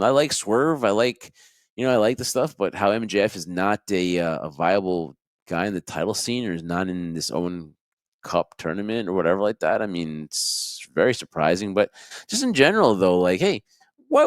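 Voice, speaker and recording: Animated man in casual wrestling chat. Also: low voice, moderate pace, no room sound, studio quality. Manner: animated, rambling, laughs often. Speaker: podcast co-host.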